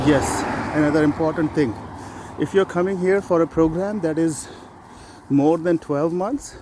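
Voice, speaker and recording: A man's voice: fairly high pitch, mellow, slight background noise. A man walking outdoors through a neighborhood, giving practical tips in a chatty, explanatory vlog style. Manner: conversational, explanatory, with fillers. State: out of breath on an incline. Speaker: vlogger giving newcomer tips. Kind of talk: casual vlog talk while walking.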